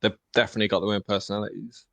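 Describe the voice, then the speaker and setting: A laid-back man chatting on a podcast about playing tabletop games. His low voice stays flat and even, with fillers throughout, recorded dry and close. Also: racing, gravelly, no room sound. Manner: laid-back, laughs often, frequent fillers. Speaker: podcast guest and player. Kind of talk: casual podcast chat.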